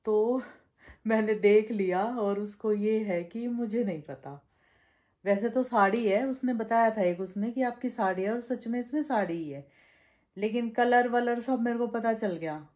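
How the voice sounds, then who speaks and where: A young woman vlogger chatting casually to her viewers, keeping her voice down at times. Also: warm tone. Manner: chatty, addresses viewers as bhai; lowers voice to avoid waking someone. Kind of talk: casual daily vlog chat.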